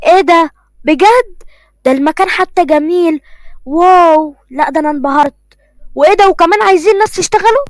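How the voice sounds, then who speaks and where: A woman's voice: extremely high pitch, brisk, long pauses, no echo. A woman voicing a defiant young Egyptian village woman who talks back mockingly. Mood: eager.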